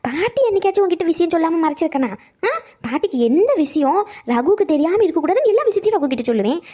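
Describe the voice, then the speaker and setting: A chatty, scheming old cartoon grandmother, voiced by a woman,. She scolds and pleads in a high, quick voice and plays up every drama. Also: lively intonation, mellow. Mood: dramatic. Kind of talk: cartoon comedy acting.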